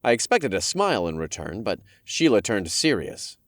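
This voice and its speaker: Male audiobook narrator, very deep, lively delivery, dry close studio sound. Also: moderate pace, dry recording. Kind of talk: first-person audiobook narration.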